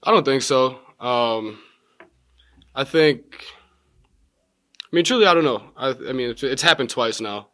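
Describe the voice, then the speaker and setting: A young man in his twenties, a college basketball player answering postgame press questions in a measured way with many filler words, seated at a table mic in a press room. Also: mid-range voice, lively intonation, sharp tone, no room sound. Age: 20s. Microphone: table mic in front.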